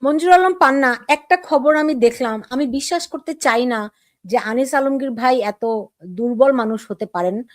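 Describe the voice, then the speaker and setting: A woman's voice: sits high, moderate pace, no room sound, clean studio sound. A woman from Bangladesh hosting a political talk show, asking probing, personal questions of her guest.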